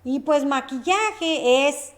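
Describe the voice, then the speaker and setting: A woman's voice: sits high, animated, slow. A woman teaching a lesson, running repeat-after-me drills and checking in with short questions. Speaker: Spanish teacher.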